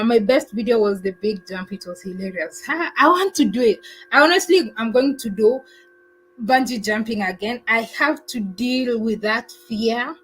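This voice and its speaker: Chatty higher-voiced woman vlogger. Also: poor audio. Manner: chatty, thankful, laughs often, many fillers. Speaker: travel vlogger on a livestream. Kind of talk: casual livestream chat, reading viewer comments.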